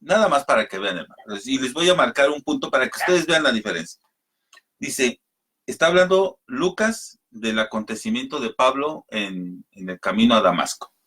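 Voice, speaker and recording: A man's voice: mid-range voice, animated, normal speed, sharp tone, slightly rough. A man teaching a radio Bible study, explaining patiently, calling listeners brothers and reading scripture aloud. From Mexico.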